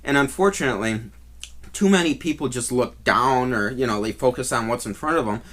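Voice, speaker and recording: A man telling a first-hand story in a casual vlog style, talking in a rambling, halting way that often restarts. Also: medium pitch, fairly bright tone. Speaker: vlogger.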